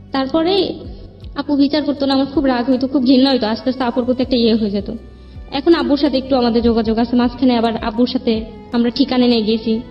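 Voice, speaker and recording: In this personal storytelling interview, a Bangladeshi woman with a high voice narrates her experiences. Her delivery is plain-spoken and meandering, with lines of quoted dialogue. The recording has a dull, band-limited quality and background music.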